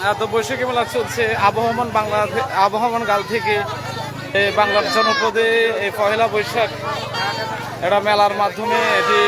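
A man with a regional Bangladeshi accent from the Chittagong-Sandwip area reports live from an outdoor fair in a halting, repetitive, informal way. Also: high-pitched. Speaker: on-location fair reporter and host. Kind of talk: live street reporting with vox pops. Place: outdoors at a busy village fair. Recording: noisy outdoor crowd, street and vehicle sounds.

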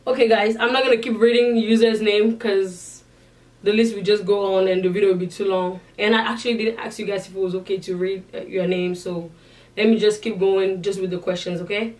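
Indoors before a sequined backdrop, a young woman with a non-native English accent chats with her viewers in a casual Q&A vlog, restarting often. Her medium-pitched voice is steady, brisk and a little mellow, but she's far from the mic and the recording is rough.

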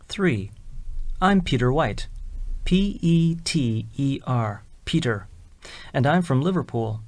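Slow, careful male exam reader. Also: mid-range voice, expressive, darkish tone, dry recording. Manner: slow, carefully enunciated, spells out names. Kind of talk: scripted listening exercise.

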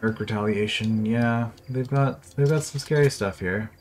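A man's voice: lowish voice, moderate pace. A man casually commenting on a strategy game as he plays, thinking aloud with dry sarcasm. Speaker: gameplay commentator. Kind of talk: casual let's-play commentary.

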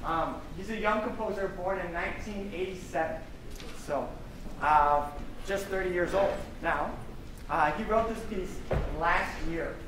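A man's voice: sits high, unhurried. A young man in a choir giving a casual spoken introduction to a piece at a concert, with many fillers and restarts. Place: large concert hall stage. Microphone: no mic, far camera. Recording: echoey hall from far off, noisy.

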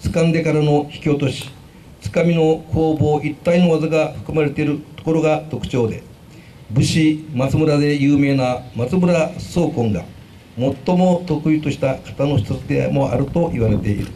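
A man with a fairly high, mellow voice reads formal explanatory narration as an announcer. The recording is outdoors, with some background noise. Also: moderate pace. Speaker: announcer explaining karate kata. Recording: noisy outdoor event recording.

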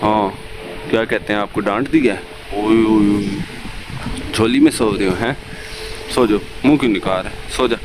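A young man talking softly and coaxingly to a small child, voice raised higher than usual. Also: a little slow, pauses often, noisy background. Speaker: vlogger.

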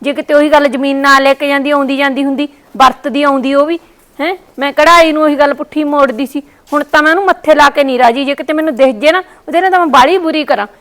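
A woman playing a spiteful, scheming young sister-in-law who talks in a sharp, scornful way in a family short drama. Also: high voice, steady tone, fast. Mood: grumbling. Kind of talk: family short-video acting.

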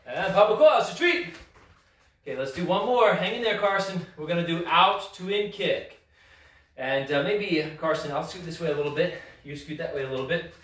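A man's voice: a little high, animated, moderate pace, fairly bright tone. A man teaching a martial arts class, calling out commands and counts. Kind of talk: class instruction. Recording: echoey room, mic far off.

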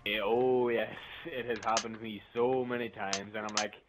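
Loud swearing young gamer. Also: male voice, on the low side, steady tone, moderate pace, heavy background noise. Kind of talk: profane gaming banter. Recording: voice chat over loud game sounds.

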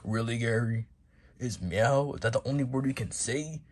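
A man's voice: mid-range voice, normal speed, a little mellow, natural voice. A man voicing a cheerful male sea sponge who introduces his friends in a plush toy parody skit.

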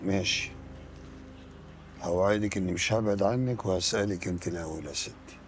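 A man's voice: sits low, brisk, over music, close to an everyday voice. A man with an Egyptian accent playing a protective husband who soothes and reassures. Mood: soothing. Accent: Egyptian Arabic.

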